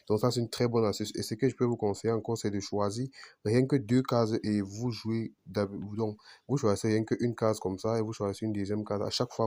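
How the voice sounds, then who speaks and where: Low-voiced man narrating a screen tutorial. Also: mellow, no room sound. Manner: repetitive, restarts phrases, asks "vous comprenez"; apologizes for his accent. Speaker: betting channel host. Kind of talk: screen-recorded tutorial voice-over.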